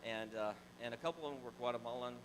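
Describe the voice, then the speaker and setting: Racing along in a mid-range voice, a middle-aged Florida pastor from Tallahassee tells his congregation a personal story. He's animated and conversational, repeating words and restarting as he holds a handheld mic in a large, noisy church sanctuary.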